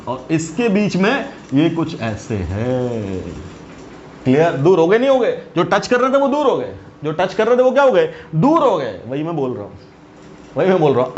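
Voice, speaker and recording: A male teacher giving a lecture, who keeps checking with his students and calls them "beta". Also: on the high side. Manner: keeps asking the students questions. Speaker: chemistry teacher. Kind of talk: classroom lecture. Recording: dull lo-fi recording, faint hiss.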